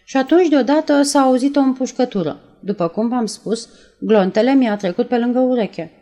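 A woman reading aloud and voicing a nervous young woman who retells events in a breathless, halting way. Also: fairly high pitch, dark tone, lo-fi sound, voice pushed up, natural voice. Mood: shaken. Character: nervous young woman, shaken after a shooting.

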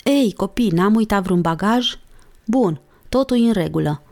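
A woman's voice: medium pitch, animated, a little mellow, natural voice. A woman reading an audiobook, voicing a cheerful, teasing father. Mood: jovial. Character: jovial, joking father.

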